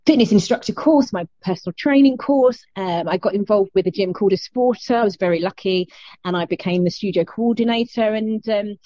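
Chatty South London woman, mellow, roomy sound. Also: medium pitch. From South London, England. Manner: chatty, halting, self-interrupting. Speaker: fitness instructor, interview guest. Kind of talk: casual interview chat. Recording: muffled, roomy internet call sound.

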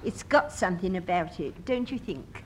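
A woman's voice: fairly low pitch, animated, normal speed, slight background noise, close to an everyday voice. An actress playing a chatty, eccentric older landlady who giggles between her lines, in a radio comedy. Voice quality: gushing, giggling.

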